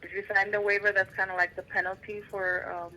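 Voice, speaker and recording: Woman caseworker, procedural phone manner, sharp gravelly tone, faint phone-line noise. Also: medium pitch, flat delivery, a little fast. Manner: procedural, uses filler ums. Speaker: state benefits caseworker. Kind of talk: phone call explaining procedure.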